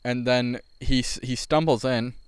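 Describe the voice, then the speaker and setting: A man's voice: mid-range voice, steady tone, measured pace, clean tone, dry recording. A young man co-hosting a podcast, casually rambling through a story and laughing as he goes. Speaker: podcast co-host. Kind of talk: casual chat.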